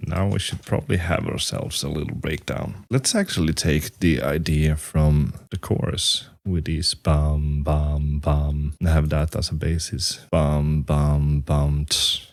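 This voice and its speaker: A man composing a metal song on his computer, talking through each step and humming out rhythms. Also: dry recording. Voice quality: very deep, gravelly voice. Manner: thinking aloud, humming and scatting rhythms. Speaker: musician and YouTuber. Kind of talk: casual talk-through while composing.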